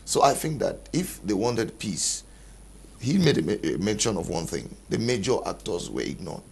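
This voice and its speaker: A man arguing his point as a panelist in a studio panel debate, deliberate and argumentative. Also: lowish voice, big pitch swings, vocal fry, a little hiss or hum.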